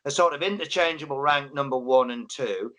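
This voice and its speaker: A man's voice: mid-range voice, a little fast, pushed and bright. A man interviewing coaches on a sports live stream, chatty and prone to restarting his questions. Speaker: interviewer at a football final.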